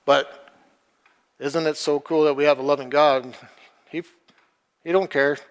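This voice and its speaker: A man giving an informal sermon, halting and repeating words as he retells a story. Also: fairly high pitch, fairly even intonation, smooth. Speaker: preacher. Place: church hall. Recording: long hall reverb.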